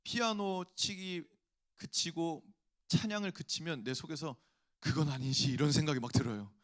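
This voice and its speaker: High-voiced male pastor preaching. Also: normal speed, fairly bright tone. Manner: storytelling, acts out inner voices, rises to emphatic appeals. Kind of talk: sermon.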